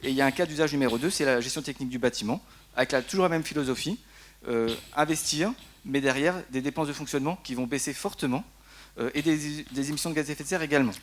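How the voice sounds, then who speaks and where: A man's voice: a little high, fast talker. A man, a deputy director, explaining energy policy on a conference panel, tagging his sentences with "hein". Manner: explanatory, frequent tag "hein", some fillers. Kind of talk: conference round-table presentation. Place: conference hall.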